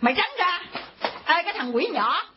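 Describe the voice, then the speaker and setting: An actress playing a cantankerous old grandmother who scolds and insults, with a husky voice. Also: extremely high pitch, sing-song, moderate pace, background noise. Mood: scolding. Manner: scolding, insulting, mock-sweet. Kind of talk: comedy skit acting. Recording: dull lo-fi recording.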